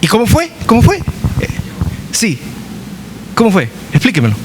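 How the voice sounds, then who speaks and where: Animated man preaching a Bible study. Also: sits high, moderate pace, background noise. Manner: animated, asks the congregation questions and answers them himself; jokes and acts out quoted voices. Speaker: pastor.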